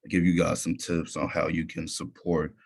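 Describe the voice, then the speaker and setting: Deep-voiced young man telling a story. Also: monotone, moderate pace, vocal fry, husky. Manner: casual, many fillers and restarts. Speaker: youth leader presenter. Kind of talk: personal story in a presentation.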